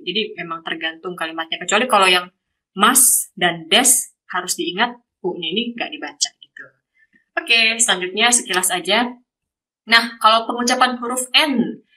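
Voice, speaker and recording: A woman's voice: mid-range voice, sharp tone, rough recording. A woman from Indonesia, a guest speaker giving a casual online lesson over a video call, explaining step by step with many examples. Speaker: guest speaker teaching Japanese.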